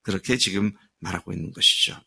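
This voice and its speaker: A middle-aged man preaches with earnest emphasis, stretching key phrases and pausing on small fillers. His voice sits low and gravelly. It carries a husky grain and a sharp, bright edge. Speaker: pastor. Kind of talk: sermon.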